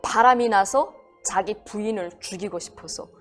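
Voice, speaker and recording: A woman's voice: mid-range voice, normal speed, over music. A woman telling a crime story in a conversational way, acting out the quoted voices. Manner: animated, acts out quoted voices. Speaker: guest storyteller.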